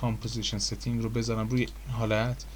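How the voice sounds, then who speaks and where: A man casually explaining software menus in a screen-recorded tutorial, chatty and full of fillers. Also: medium pitch, flat delivery, slight background noise. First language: Persian.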